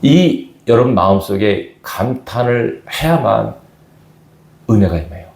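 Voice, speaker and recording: A man's voice: fairly low pitch, animated, a little slow, gravelly, a little mellow, reverberant. A man preaching a sermon as pastor to his congregation, often asking them questions. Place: church sanctuary.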